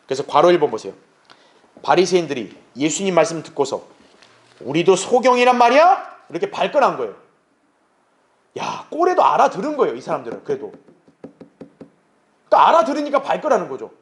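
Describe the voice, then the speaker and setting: Lively high-pitched pastor teaching scripture. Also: male voice, fast, long pauses. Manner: asks rhetorical questions and answers them himself; acts out quoted speech in lively voices. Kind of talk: expository Bible teaching.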